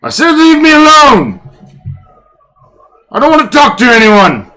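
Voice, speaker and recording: A man voicing a belligerent, irritable drunk man in a fantasy tabletop game, shouting defensively. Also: very high voice, wildly swooping pitch, measured pace, pitched above the performer's own voice, exaggerated voice, poor audio. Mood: angry. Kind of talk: tabletop game role-play.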